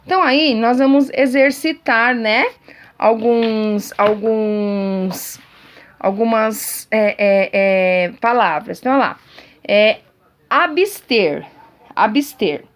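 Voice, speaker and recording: A woman teacher records a lesson for pupils at home. She speaks in a slightly high voice and explains each point patiently, often repeating it. She keeps checking that the class is following along. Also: slow.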